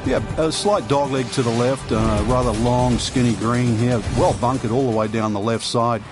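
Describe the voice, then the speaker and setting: A man giving golf commentary as the analyst in a televised-style game broadcast, measured and matter-of-fact. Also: mid-range voice, fairly even intonation, music in the background, close to an everyday voice.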